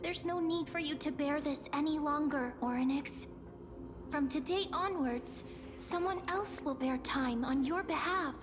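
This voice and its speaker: A woman voicing a gentle young heroine in a video game, speaking tenderly and earnestly to reassure someone. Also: high voice, measured pace, music in the background. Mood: tender, reassuring.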